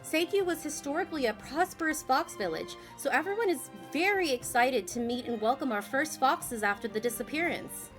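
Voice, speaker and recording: A woman's voice: high-pitched, animated, normal speed, hardly any pauses, soft background music. A woman voicing a cheerful, welcoming woman mayor in a game, polite and a little flustered. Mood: friendly.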